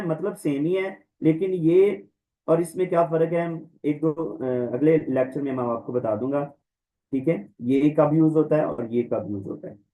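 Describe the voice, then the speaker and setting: A man teaching a Greek language class online, repeating each word slowly and carefully for the students. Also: fairly high pitch, dark tone, poor audio. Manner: slow, drawn-out word-by-word pronunciation drills. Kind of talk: online lecture. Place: online class, voice over slides.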